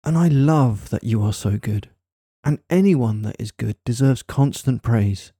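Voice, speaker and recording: A man speaking softly and intimately right in the listener's ear, delivering a coaxing, teasing hypnosis ASMR monologue full of praise, close to the microphone. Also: mid-range voice, expressive, a little slow, husky, no echo. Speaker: hypnosis audio performer. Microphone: close microphone, dry sound.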